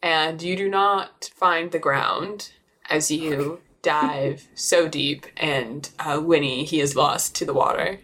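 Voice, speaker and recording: A woman acting as game master, narrating a tabletop role-playing game in a relaxed, descriptive way with fillers. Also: low voice, takes it slowly, slight background noise.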